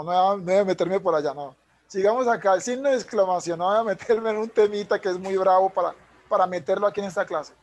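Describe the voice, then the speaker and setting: High-voiced man teaching online. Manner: patient, explanatory, mixes English examples. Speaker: English teacher. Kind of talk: online class explanation. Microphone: video call.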